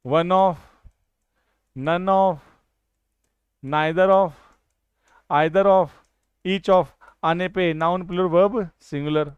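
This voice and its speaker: A man teaches an exam-prep grammar lesson in a high, smooth and resonant voice. He keeps asking the class a question and then answering it himself, and he slows down sharply on English example sentences. The recording is dry and close, with no room sound. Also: dry recording, dull audio.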